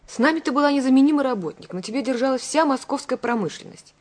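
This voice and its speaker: An actress playing a resentful, sharp-tongued grown daughter in a family drama, with a sarcastic way of talking. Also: female voice, sits high, expressive, quick pace. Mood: bitter, accusing. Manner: sarcastic, accusing. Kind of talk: naturalistic drama acting.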